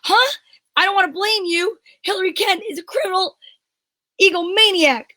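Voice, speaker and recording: In this dry recording, a woman voices a frantic police inspector from a vintage radio detective play, speaking at normal speed. Her extremely high, sharp voice carries an alarmed, explaining tone, and her delivery is melodramatic and agitated.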